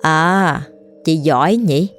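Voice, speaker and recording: A woman voicing a spiteful old village mother-in-law who scolds and wails in a sour, shrill way. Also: slow, soft background music. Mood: shrill scolding.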